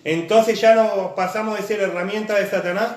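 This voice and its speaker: A man's voice: high voice, fairly even intonation, normal speed, reverberant. A man preaching a sermon, earnest and full of repeated phrases and lists as he shares his own testimony.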